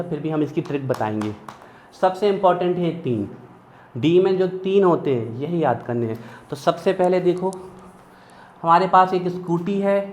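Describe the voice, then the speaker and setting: A man's voice: a little high, darkish tone. A man teaching chemistry in a classroom lecture, chanting mnemonic lists in a sing-song rhythm. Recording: echoey room, dull lo-fi sound, faint hiss.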